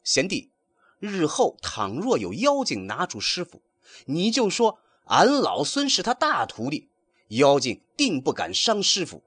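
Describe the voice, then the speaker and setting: A man voicing a brash, cocky male monkey king who pleads and boasts in high, strained cries. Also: wildly swooping pitch, measured pace, a bit bright, breathy edge, dry recording, exaggerated voice. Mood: boastful.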